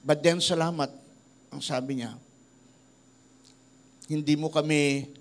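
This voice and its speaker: A man's voice: a little high, slow. A middle-aged man from the Philippines, a pastor preaching a sermon and telling stories about people he has met, acting out their words. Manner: tells stories in a lively voice, quoting people he met. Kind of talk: sermon with storytelling.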